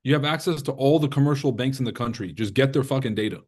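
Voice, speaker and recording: A male stream host with an average-pitched voice reacts live in casual slang. He heckles sarcastically as he comments, like someone talking freely to followers of a trading stream. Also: quick pace, darkish tone.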